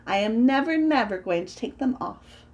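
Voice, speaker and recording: A woman voicing an excitable, stubborn little girl in a children's storybook, exclaiming gleefully with emphatic repetition. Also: fairly high pitch, moderate pace, lo-fi sound, pitched above the performer's own voice, close to an everyday voice. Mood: defiant, gleeful. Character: excitable, stubborn little girl who loves her socks. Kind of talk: children's storybook read-aloud.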